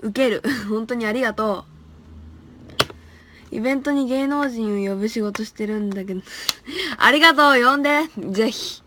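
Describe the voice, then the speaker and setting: A woman's voice: on the high side, moderate pace, pauses often, bright, forceful tone, slight background noise. Giggly young woman chatting on a live stream. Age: young adult. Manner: chatty, laughs often, trips over tongue twisters. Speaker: live-stream idol host. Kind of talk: casual live-stream chat reading comments.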